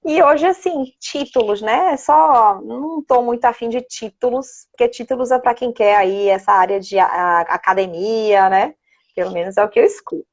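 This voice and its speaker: In a casual interview, a woman in her thirties who works as a child psychologist talks in a chatty, laughing way, often tagging her sentences with "né". She has a fairly high voice, a Bahian Brazilian accent, and a normal pace, recorded in slightly dull, lo-fi audio.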